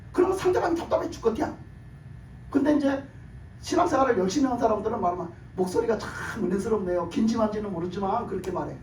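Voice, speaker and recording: Slight background noise and faint ambience sit behind a pastor recorded from afar in an echoey room. Preaching emphatically, he poses rhetorical questions and laughs while making his points, his extremely high voice worn hoarse and broken by years of shouted prayer.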